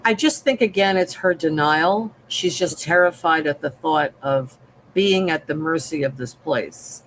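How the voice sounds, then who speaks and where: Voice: mid-range voice, a little slow, a bit bright, slight background noise, rough recording. A host in a casual live TV recap, often agreeing and asking the co-host questions. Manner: affirming, asks questions.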